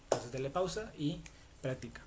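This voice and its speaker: A man's voice: mid-range voice, lively intonation, heavy background noise. Patient male language teacher. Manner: patient, repeats words slowly, asks ¿ok? often. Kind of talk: online language lesson.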